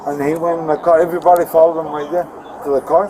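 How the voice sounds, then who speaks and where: A man's voice: a little high, little pitch movement, very fast, a crowd in the background, poor audio. A man who was attacked tells a police officer what happened, outdoors by a road, repeating himself and sounding agitated. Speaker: assault victim. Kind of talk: talking to police. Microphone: police body camera. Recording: bodycam audio, street noise.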